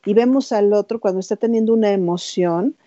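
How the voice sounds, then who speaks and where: A woman's voice: mid-range voice, a little fast, mellow, no echo, lo-fi sound. A woman hosting an interview, talking with enthusiasm and often adding tag questions. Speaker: host. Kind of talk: casual interview chat.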